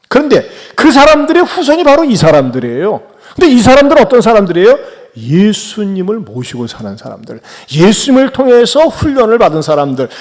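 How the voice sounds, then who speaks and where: A man preaching a Sunday sermon as pastor, asking the congregation rhetorical questions and acting out the voices of complainers. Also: big-room sound. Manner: swings between loud emphatic lines and quiet low endings.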